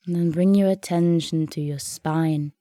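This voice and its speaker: Woman, meditation guide, soft and soothing, slightly low pitch, very slow pacing, long pauses, dry sound. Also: fairly even intonation, no echo.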